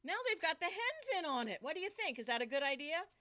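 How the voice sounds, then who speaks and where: A woman teacher reading a picture book aloud to children indoors, animated and stopping often to ask the children questions. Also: sits high, quick pace.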